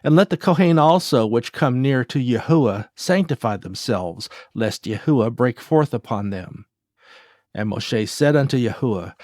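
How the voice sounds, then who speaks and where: Male scripture reader, mid pitch, solemn measured delivery, dry close recording. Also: no echo.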